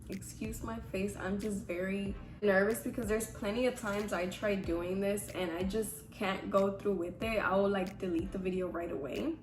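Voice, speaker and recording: Woman, twenties, mid-pitched voice under the weather, casual slangy vlog chat, echoey room, music underneath. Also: fairly even intonation, moderate pace, hardly any pauses. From Houston, Texas, USA. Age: 20s. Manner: informal, slangy, self-deprecating. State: voice affected by a cold. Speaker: vlogger. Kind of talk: casual chatty Q&A to viewers.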